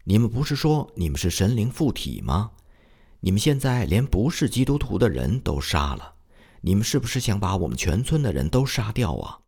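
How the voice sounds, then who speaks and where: A man's voice: fairly low pitch, sing-song, normal speed, a little mellow, husky, pitched above the performer's own voice, full character voice. A man voicing a domineering village bully. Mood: menacing. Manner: bullying, accusing questions.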